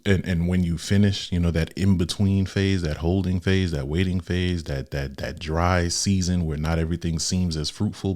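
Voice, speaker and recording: Deep-voiced young man chatting casually. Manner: relaxed and conversational with slang. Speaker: podcast host. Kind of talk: casual faith podcast talk.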